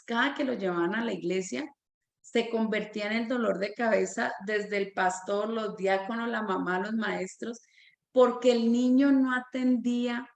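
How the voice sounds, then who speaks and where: A woman who directs a Sunday school, telling a personal testimony in a church teaching as a lively storyteller. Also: a little high, roomy sound.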